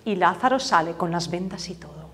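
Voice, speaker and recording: A woman's voice: lowish voice, expressive, a little fast, fairly bright tone. A woman teaching a Bible class, telling gospel stories vividly and acting out the voices in the quotes. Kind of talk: storytelling Bible lesson. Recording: long reverb, hall-like echo.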